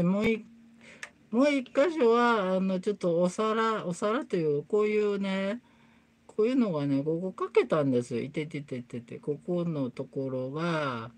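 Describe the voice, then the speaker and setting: A woman's voice: on the low side, darkish tone. A woman with a Kansai accent and Kyoto dialect, chatting casually on a livestream while doing a repair and muttering to herself as she works. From Kansai, Japan. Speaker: livestream host.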